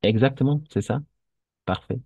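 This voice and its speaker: A man's voice: medium pitch, moderate pace, creaky, mellow, no echo. A man teaching a French lesson to Spanish speakers, patient and repetitive, checking often that students understand.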